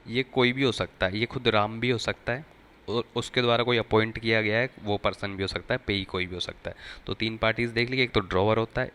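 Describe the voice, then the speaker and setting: A man's voice: fairly low pitch, fairly bright tone, smooth. A man teaching an accounting lesson for exam preparation, explaining step by step and repeating key terms. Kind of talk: exam-prep lecture.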